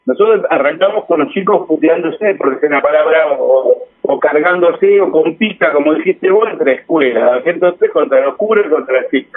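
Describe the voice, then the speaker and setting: A man's voice: a little high, moderate pace, few pauses, narrow, tinny audio. A man with an Argentine accent chatting casually as a guest, rambling and restarting his sentences. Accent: Argentine Spanish. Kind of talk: casual conversation.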